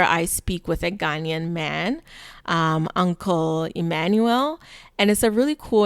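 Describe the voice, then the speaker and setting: A woman's voice: lowish voice, smooth, no room sound, clean studio sound. A woman hosting a podcast, talking casually with lots of fillers as she introduces the episode. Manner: chatty, relaxed, many fillers. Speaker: podcast host.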